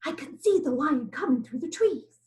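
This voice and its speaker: A woman's voice: high-pitched, expressive, normal speed, a little mellow, pitched above the performer's own voice. Woman doing a sly, matter-of-fact hornbill. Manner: matter-of-fact, innocently explaining. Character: clever male hornbill bird, calm and sly.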